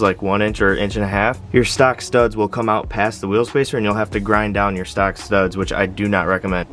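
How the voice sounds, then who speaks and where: Breathless young man outdoors in the cold. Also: on the low side. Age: 20s. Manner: relaxed, filler-heavy, enthusiastic. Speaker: car channel host. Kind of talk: casual outdoor vlog. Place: outdoors in snow beside a truck.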